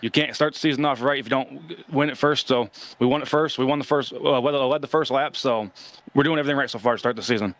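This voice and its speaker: A man's voice: medium pitch, fast, a bit bright. A man who has just won a sim race, rambling confidently about strategy and teammates. The sound is dry, with no room echo around him. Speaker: race-winning sim driver. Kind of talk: post-race interview.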